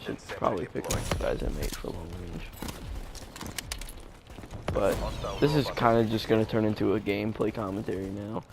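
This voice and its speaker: Young gamer guy, low gravelly voice, rambly live commentary, loud game gunfire behind. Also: moderate pace, long pauses, background noise. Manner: rambling, many fillers and restarts. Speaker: gaming YouTuber. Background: game gunfire and explosions.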